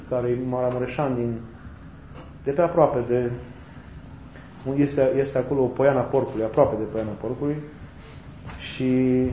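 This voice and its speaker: Guy preaching, slow and reflective, keeps rephrasing himself, bit of humor, faint room noise behind. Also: mid-range voice. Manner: reflective, repeats and rephrases his points, with gentle humor. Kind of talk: sermon. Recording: roomy, slightly dull recording with faint ambience.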